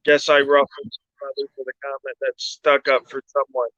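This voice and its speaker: Bright dry-voiced man reading comments. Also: mid-range voice, monotone, moderate pace, dry recording, muffled recording. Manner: affirming, reads viewer comments. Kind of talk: casual group chat.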